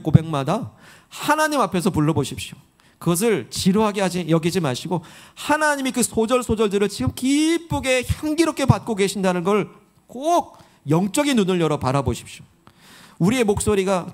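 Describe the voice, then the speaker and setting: A man with a notably high voice preaches in a church sanctuary. He speaks earnestly, drawing his congregation in with questions and call-and-response. The tone is that of a pastor leading a sermon.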